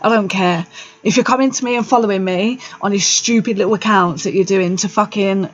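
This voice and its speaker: A woman's voice: mid-range voice, steady tone, brisk. Woman, podcast co-host, casual chat, blunt, sweary, dull lo-fi sound. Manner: blunt and sweary, laughs often.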